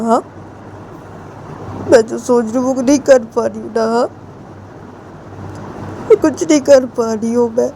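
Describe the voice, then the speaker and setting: A woman's voice: mid-range voice, warm tone, slight background noise, close to an everyday voice, low-quality recording. A woman voicing a tearful young woman pleading that she is in love.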